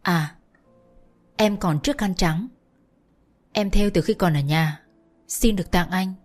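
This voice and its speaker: A woman's voice: on the low side, slow pace, faint music behind. A woman reading a story aloud, voicing a regretful young woman who pleads through tears. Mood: tearful. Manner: tearful, pleading.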